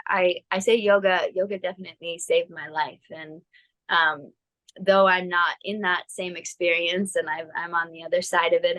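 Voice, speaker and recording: Woman yoga teacher talking on a video call, lowish voice, thoughtful and measured. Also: fairly bright tone, rough recording. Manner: thoughtful, measured, some hesitations. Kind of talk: reflective personal interview.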